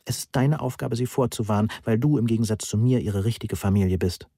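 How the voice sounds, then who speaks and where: A man voicing a socially odd, literal-minded student in an audiobook, pedantic and deadpan. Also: fairly low pitch, fairly quick, husky, no room sound, studio quality. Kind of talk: audiobook character voice.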